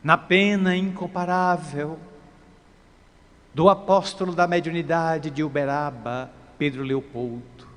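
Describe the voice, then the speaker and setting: A man giving a dramatic, storytelling spiritist sermon in a lecture hall, swinging between loud and hushed. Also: on the high side, steady tone, a little slow. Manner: dramatic, with big swings in loudness. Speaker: spiritist speaker. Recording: long reverb of a lecture hall.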